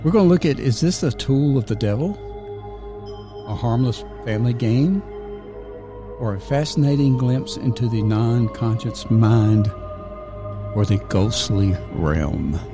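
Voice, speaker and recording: A man hosting a paranormal podcast, talking in a relaxed, halting way with many fillers. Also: medium pitch, music in the background. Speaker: podcast host. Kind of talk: casual podcast chat.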